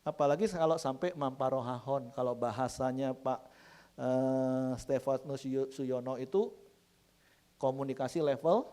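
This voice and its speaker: A man preaching a lively, humorous sermon, often addressing the congregation and acting out quoted couples. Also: mid-range voice, unhurried. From Sumatra. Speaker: pastor.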